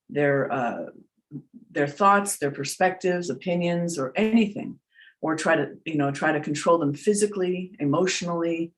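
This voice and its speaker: A middle-aged woman who works as a trance medium, answering questions in an earnest, reflective, unscripted way and repeating words for emphasis. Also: fairly low pitch. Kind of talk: unscripted spiritual Q&A talk.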